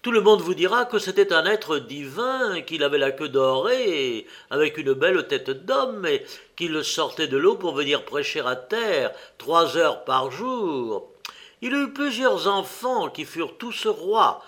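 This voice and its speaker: A man's voice: fairly high pitch, fairly bright tone. A man voicing a self-assured Chaldean scholar who lectures in a pious, correcting tone.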